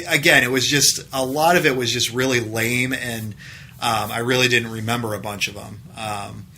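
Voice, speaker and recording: A man's voice: mid-range voice, pushed and bright, a little hiss or hum. A man co-hosting a casual podcast, rambling through his stories with lots of fillers and asking his partner questions. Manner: rambling, many fillers, asks questions back. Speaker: podcast co-host. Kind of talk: casual chat.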